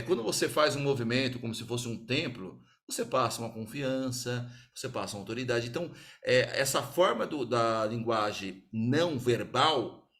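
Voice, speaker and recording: A man with a Brazilian Portuguese accent giving an energetic sales talk to a small group, acting out little customer dialogues as he explains. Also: medium pitch. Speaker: sales speaker.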